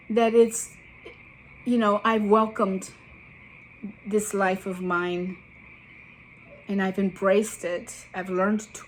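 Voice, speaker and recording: A woman in her seventies, originally from Guatemala, hosts a YouTube channel and casually tells her viewers her life story, drifting into asides. She's sweaty after a walk, and her mid-range voice comes through a low-quality recording with a little hiss or hum.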